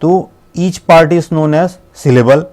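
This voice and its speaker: A man teaches a lesson on pronunciation with a warm, relaxed voice. He explains patiently, mixing English terms into his Hindi and drawing out individual sounds of each word. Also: on the high side. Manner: explains in Hindi with English words mixed in, slowly spelling out sounds. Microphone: laptop screen recording.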